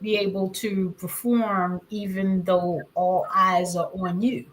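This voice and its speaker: Woman co-hosting casually, medium-pitched voice. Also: flat delivery, slow, poor audio. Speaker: co-host of chess broadcast. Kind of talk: casual broadcast chat.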